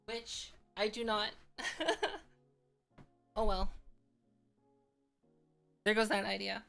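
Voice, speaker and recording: A woman's voice: mid-range voice, little pitch movement, slow, creaky, a bit bright, soft background music. A woman chatting casually as a virtual streamer on a live stream, with a cute, bubbly anime-streamer delivery. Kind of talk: casual livestream chat.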